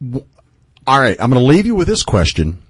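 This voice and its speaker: A man's voice: medium pitch, huge pitch swings, brisk, slightly rough, no echo. A man with a Midwestern accent hosting a radio interview, rambling with many fillers and restarts. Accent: Midwestern American. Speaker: radio host.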